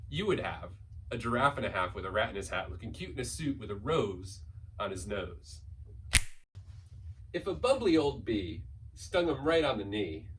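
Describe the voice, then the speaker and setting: A lowish, sing-song male voice at a moderate pace reads a children's picture book in a rough recording, far from the mic with slight background noise. The reader, from school staff, is playful and theatrical, stretching key words and racing through lists.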